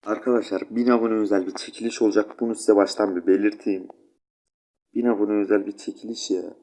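A man's voice: lowish voice, a little mellow, low-quality recording. A sleepy young man with a stuffy nose, rambling chattily to his viewers while commenting on his gameplay. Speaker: gaming channel host.

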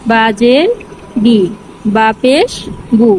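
High-voiced woman teaching slow drills. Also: noisy background. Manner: slow, repeats each syllable drill. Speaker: Quran reading teacher. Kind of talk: step-by-step lesson.

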